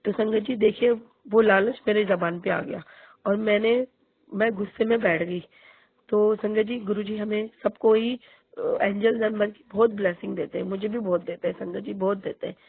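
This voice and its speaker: A woman's voice: medium pitch, steady tone, moderate pace, no echo. A middle-aged woman with a sore, strained throat earnestly tells the congregation about her spiritual experience, repeating phrases for emphasis. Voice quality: husky, gravelly voice. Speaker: devotee sharing a spiritual experience. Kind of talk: devotional testimony to the congregation. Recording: tinny phone-quality, dry.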